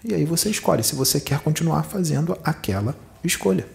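Brazilian guy from rio channeling spirits, kinda gravelly, preaching hard. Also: fairly high pitch, expressive, brisk, darkish tone, a little hiss or hum. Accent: Rio de Janeiro Portuguese. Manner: preachy, rhetorical questions, emphatic. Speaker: spiritual medium.

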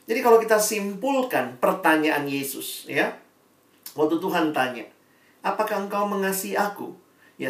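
A man preaching a sermon to young adults, animated, acting out dialogue and swinging between loud emphasis and quiet asides. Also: high voice. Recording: roomy hall, from a distance.

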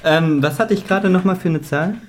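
A man's voice: sits high, a little fast, slight background noise. A man, co-hosting a casual chat, rambling and playful, often restarting his sentences. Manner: rambling, self-correcting, playful.

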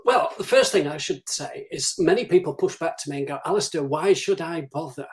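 A man's voice: fairly high pitch, brisk. A man speaking as a guest on a live-streamed interview, giving emphatic advice and acting out what clients say to him. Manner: emphatic, advisory, acts out quoted clients. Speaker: guest, business development director.

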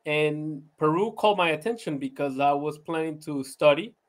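On the high side and at normal speed, the man talks in a laid-back, chatty way. Born in Venezuela and guesting on a podcast, he laughs often and uses many "you know"s and restarts in casual interview talk.

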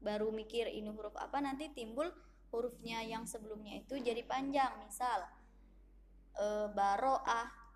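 A woman teaching children to read the Quran, explaining slowly and patiently and reading syllables aloud as examples. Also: fairly high pitch, slight background noise. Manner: slow, patient teaching; reads syllables loudly and drawn out as examples. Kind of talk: recorded online lesson for children.

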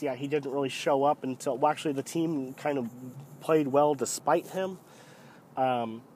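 A man with a head cold that deepens his voice, giving casual, rambling, opinionated solo football commentary as a podcast host, often hesitating. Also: a little mellow, a little hiss or hum. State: sick with a cold.

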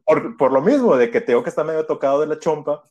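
A man's voice: on the high side, fast talker, highs cut off. A young man with a Mexican Spanish accent, casually telling a story full of slang and frequent laughter. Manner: laughs often, heavy slang, animated retelling.

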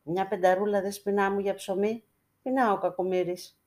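A woman's voice: medium pitch, steady tone, darkish tone, natural voice. A woman voicing a poor village man who coaxes and pleads for coins before church icons. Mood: wheedling. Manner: pleading, coaxing with endearments.

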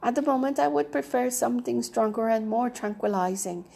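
A woman's voice: fairly high pitch, vocal fry, warm tone. Woman reading as a firm, worldly older aunt. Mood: brisk. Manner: firm and brisk.

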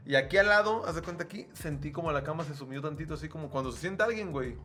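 A man with a Mexican Spanish accent, co-hosting a podcast in relaxed, rambling casual chat full of fillers. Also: fairly high pitch, racing. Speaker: podcast co-host.

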